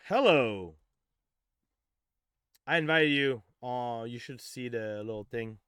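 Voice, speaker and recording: A man hosting a live review stream from his home studio, his voice bright and forceful, smooth and crisp, set against a dry, close sound. He talks in a loose, rambling way, full of fillers and easy swearing. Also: medium pitch, slow pace, dry recording. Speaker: music producer hosting a demo review stream. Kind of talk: casual live-stream chat and feedback. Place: home studio on a Discord call.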